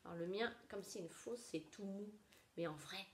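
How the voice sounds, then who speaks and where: A woman teaching young children a nursery rhyme, gentle and sing-song, dropping at times into soft whispers. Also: mid-range voice, moderate pace. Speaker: preschool teacher. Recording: echoey room with faint noise.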